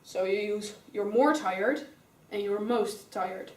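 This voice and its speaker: Speaking slowly at medium pitch, a young student teacher with a Dutch accent teaches English grammar step by step, calling on pupils by name. The classroom recording sounds roomy, with the microphone far away.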